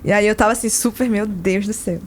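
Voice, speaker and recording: Woman guest, lively storyteller who quotes people as she goes. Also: medium pitch, fast, slight background noise. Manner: animated, acts out dialogue in her stories. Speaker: podcast guest. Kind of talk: personal storytelling in casual conversation.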